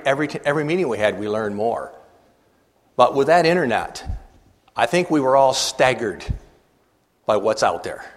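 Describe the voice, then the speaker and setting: Earnest older man in a reverberant hall. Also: mid-range voice. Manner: earnest, halting, repeats words, asks the audience questions. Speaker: church committee member speaking at a meeting. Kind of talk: earnest talk to an audience.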